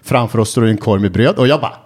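A man who travels for a TV show, chatting casually and telling an animated story, shouting and mimicking when he gets excited. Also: on the low side. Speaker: TV travel presenter and guest storyteller.

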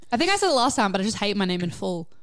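A woman's voice: medium pitch, big pitch swings, quick pace, a bit bright. A woman as a podcast guest, giggly and self-deprecating. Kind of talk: casual chat.

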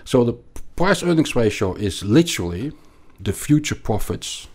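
This middle-aged man from Belgium, speaking with a Belgian accent, is very animated in a mid-range, darkish voice at a moderate pace. He's a finance guest in a conversational interview, explaining while repeatedly restarting and doubling up on words.

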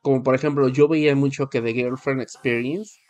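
A man's voice: medium pitch, steady tone, moderate pace, darkish tone. A man, co-hosting a podcast and trading gossip in emphatic casual chat. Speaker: podcast co-host.

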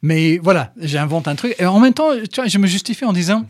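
A middle-aged man from England, a podcast guest, telling stories in French with an English accent, animated and full of restarts. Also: sits high, a little fast, dry recording. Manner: animated storyteller, fillers and restarts. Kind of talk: casual conversation. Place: studio.

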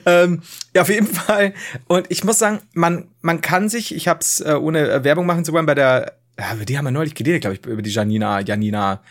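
Animated rambling male podcast co-host. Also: on the high side, quick pace. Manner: rambling, animated storytelling with laughs and acted outbursts. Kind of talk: casual chat.

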